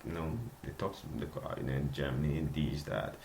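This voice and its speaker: A man's voice: rumbling low, normal speed, creaky, darkish tone, a little hiss or hum. A young Nigerian man with a Nigerian accent, hosting a casual solo podcast, chatty and repeating himself, laughing often. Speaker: podcast host.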